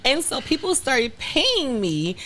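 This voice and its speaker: A woman from Detroit, a content creator, telling her story in a frank, animated interview chat. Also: sits high, slow pace, faint music behind. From Detroit, Michigan.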